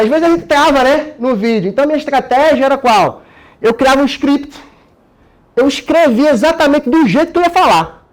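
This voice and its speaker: A Brazilian man talking casually and energetically about how he prepares himself, with frequent tag questions and slang. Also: very high voice. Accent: Brazilian Portuguese. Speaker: course participant sharing his method. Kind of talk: casual explanatory talk.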